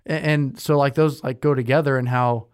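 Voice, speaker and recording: A young man co-hosting a podcast, speaking at a mid pitch. He chats loosely, with lots of "like" and "um" and plenty of restarts. The recording is dry and close, with no room sound. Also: steady tone, normal speed, darkish tone, clear, resonant tone, no room sound. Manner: chatty, with many fillers and self-corrections. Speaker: podcast co-host. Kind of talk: casual conversational chat.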